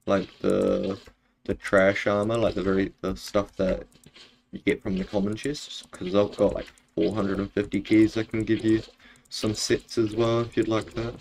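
Low-voiced Kiwi bloke streaming. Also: male voice, level tone, normal speed, gravelly, a little mellow, slight background noise. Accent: broad New Zealand. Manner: laid-back, matey, says bro often. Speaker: game streamer. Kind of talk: casual live-stream chat while gaming. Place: bedroom, indoors.

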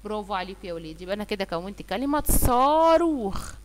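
A woman teacher with an Egyptian Arabic accent, slowly sounding out letters and words for young children and praising them often. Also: mid-range voice, sing-song, big-room sound. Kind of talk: online phonics lesson for young children.

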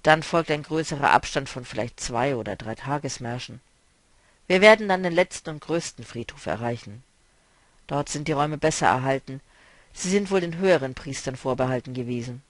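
A man reading a novel aloud, voicing a weary, melancholy male traveler who speaks quietly and broodingly. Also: medium pitch, lively intonation, fairly quick, no room sound, lightly acted. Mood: explaining.

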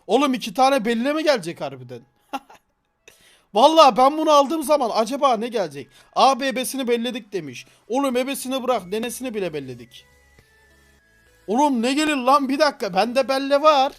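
A man streaming a game live, commenting excitedly in slangy, playful talk and breaking into shouts and laughter. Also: very high-pitched.

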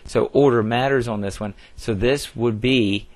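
A man's voice: mid-range voice, moderate pace, darkish tone, no room sound. A man teaching a recorded math lesson, explaining step by step in a plain way with frequent fillers and restarts. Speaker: math instructor.

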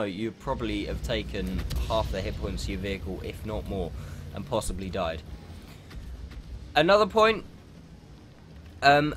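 There's slight background noise behind this mid-range, fairly bright male voice. He's a young gaming channel host with a cold-stuffy nose, casually talking over a game replay, explaining tactics at length and saying um a lot.

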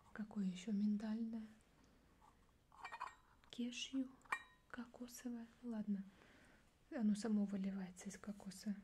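A young woman in a barely audible whispered role-play as a gruff, disdainful border guard, muttering sardonically. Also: mid-range voice, a little hiss or hum. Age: young adult. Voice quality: soft whisper, mostly unvoiced, barely audible. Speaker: ASMR performer playing a border officer. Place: small dark indoor studio setup.

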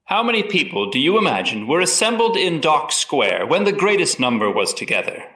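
In a scripted trial re-enactment, a man gives a full character voice as a formal, probing 18th-century lawyer examining witnesses. His voice is fairly high, sing-song, brisk, bright and forceful, recorded distant from the mic with a roomy echo.

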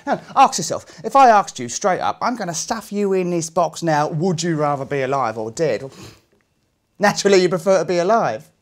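A man's voice: a little high, animated, normal speed, natural voice. An actor in his thirties playing a chatty, musing Cockney gangster in a dramatic monologue, wry and conversational. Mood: animated. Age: 30s. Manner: conversational, musing, swinging between muttering and exclaiming.

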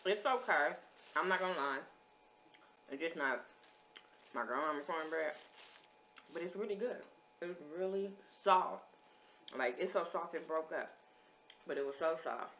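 A woman's voice: low-pitched, a little slow, long pauses, a bit bright, a little hiss or hum. A woman vlogger, chatting casually as she lists menu items and reviews food. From American.

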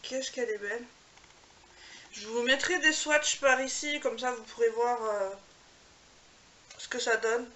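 A woman beauty vlogger talks casually to camera and gushes over each gift in a fairly high voice. Her chat is loose and full of little fillers. A steady hiss and small clicks sit under the voice. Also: unhurried, pauses often. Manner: gushing, chatty, filler-heavy.

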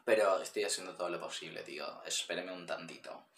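Low-voiced Argentine man rambling in a roomy echo. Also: fairly even intonation, fast, a bit bright. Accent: Argentine Spanish. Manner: rambling, many fillers, addresses viewers directly. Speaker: YouTube reaction host. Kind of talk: casual reaction commentary.

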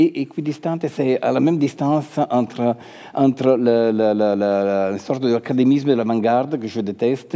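Mellow Italian-accented man in a reverberant hall. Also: mid-range voice. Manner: halting non-native French, repeats words while searching. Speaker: composer, interview guest. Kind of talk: unscripted talk about own work. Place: large dark concert hall stage, indoors. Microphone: headset. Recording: long hall reverb of a stage.

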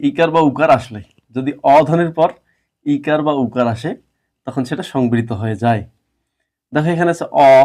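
A man's voice: medium pitch, a little mellow. A man teaching a grammar lesson, who explains step by step and quizzes his students.

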